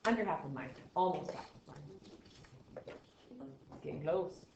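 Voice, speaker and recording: A woman in her forties teaching a math lesson to a class, lively and playful, teasing her students. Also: deep voice, a little slow. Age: 40s. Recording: echoey room, dull lo-fi sound, faint noise.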